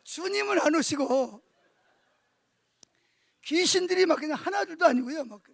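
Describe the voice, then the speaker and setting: Preaching at a church conference, a middle-aged male pastor's very high-pitched, gravelly voice moves at a moderate pace with no room sound. He animates his stories and frequently throws rhetorical questions at the congregation.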